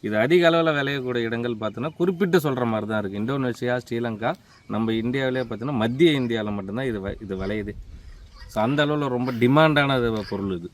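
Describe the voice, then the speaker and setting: A man's voice: mid-range voice, fast. A man steadily explaining a recipe and its ingredients.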